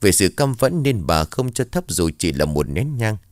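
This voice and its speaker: Deep-voiced guy reading a sad village ghost story, steady, dry close sound. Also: normal speed, dry recording. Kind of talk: scripted story narration.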